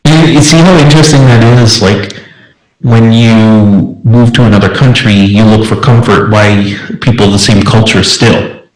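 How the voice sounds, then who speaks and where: A man's voice: fairly low pitch, normal speed. Man, podcast co-host, casual chat, inquisitive, roomy echo. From Canada, of Filipino parents. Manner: curious, asks lots of questions.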